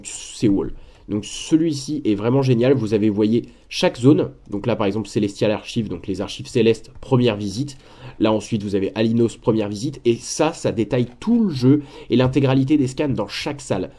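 A man's voice: mid-range voice, dark tone. A man giving casual, chatty commentary while showing gaming guide websites, with frequent repeats and fillers. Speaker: gaming walkthrough creator. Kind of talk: casual screen-share commentary.

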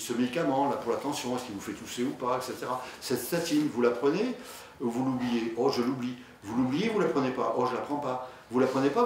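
A man, a diabetologist, giving a conversational conference lecture, hesitant with many fillers and restarts, telling patient anecdotes. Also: mid-range voice. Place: lecture hall. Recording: echoey hall, distant mic, faint noise.

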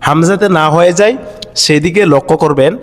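A man teaching Arabic letter sounds to viewers, drawing out each syllable in a half-sung recitation and explaining briskly between drills. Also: a little high, big-room sound. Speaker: Quran reading teacher.

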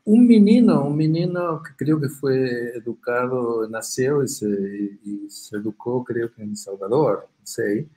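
A man speaks on a video-call panel. His voice is mellow and dark at a middle pitch. He tells his anecdote calmly, with a few hesitations. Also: measured pace, few pauses, poor audio. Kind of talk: academic panel discussion.

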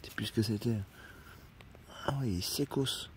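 A man's voice: on the low side, moderate pace, background noise. Slangy man rambling by a campfire. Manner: slangy, rambling, swears freely. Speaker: van-life vlogger. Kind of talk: casual vlog chat. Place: outdoors by a campfire.

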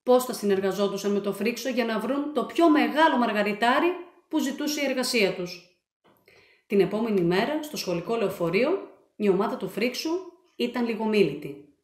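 A woman with a fairly high voice reads a children's picture book aloud, shaping each line with lively storytelling. The room around her is noticeably echoey. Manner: expressive, animated storytelling. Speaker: storyteller and author.

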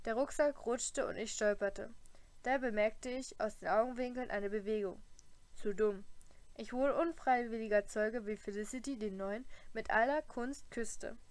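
A woman reading a first-person audiobook, with an expressive, dryly humorous storytelling manner. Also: a little high, moderate pace, no room sound. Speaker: audiobook reader.

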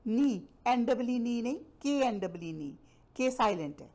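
A woman teacher giving a classroom-style lesson, spelling out words letter by letter and reading English sentences slowly and deliberately. She is from Pakistan. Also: fairly high pitch, lively intonation, warm tone.

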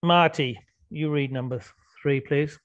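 Guy teaching english online, slow and patient, kinda dull call audio. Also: fairly high pitch, fairly even intonation, no room sound. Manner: patient, prompting students with questions. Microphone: video call.

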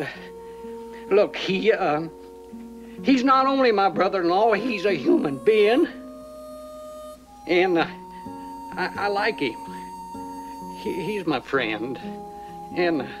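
An actor playing a flustered small-town sheriff, pleading and stammering over a CB radio transmission. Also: male voice, sits high. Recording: muffled CB radio audio.

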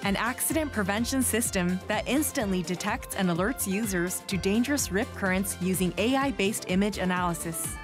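A woman giving calm, measured scripted narration for a documentary, with music underneath. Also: mid-range voice. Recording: voice-over with music bed.

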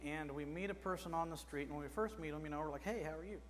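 A middle-aged man preaches from a pulpit in a small church. His voice sits a little high, and he talks to the congregation in a plain, conversational way, asking them questions. The room's long reverb trails behind his words, with a faint electrical hum underneath. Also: fast. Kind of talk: sermon. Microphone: pulpit microphone.

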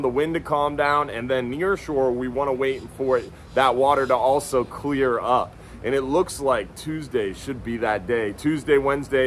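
A man in his thirties with a medium-pitched voice hosts a casual marina fishing report outdoors on a sunny beach by a bridge. He holds a phone camera at arm's length, with slight background noise, and stays upbeat, repeating words for emphasis.

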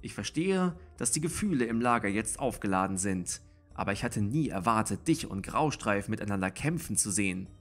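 A man's voice: fairly low pitch, animated, moderate pace, faint music behind. A man reading aloud and voicing a stern female cat clan leader who scolds and commands.

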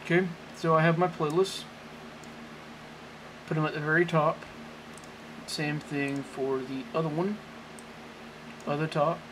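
In a halting, flat walkthrough, a higher-voiced man demonstrates some tech unscripted and casually, rambling and fixing his own mistakes. He sits at a desk in a small indoor room, with a handheld camera close behind him off-screen and noise in the background.

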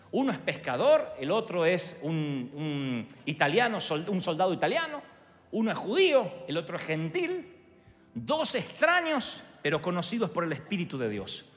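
Animated Argentine preacher in a hall. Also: male voice, high voice. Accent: Argentine Spanish. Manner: animated, humorous storytelling with acted voices. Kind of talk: sermon. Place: large church hall. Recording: echoey hall with long reverb.

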